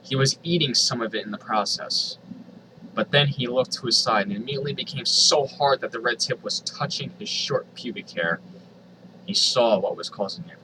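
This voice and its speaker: A man with a mid-range voice reads online fan fiction aloud at a moderate pace, dramatizing the story while tossing in exasperated, sardonic asides and swearing freely. There's noticeable noise in the background.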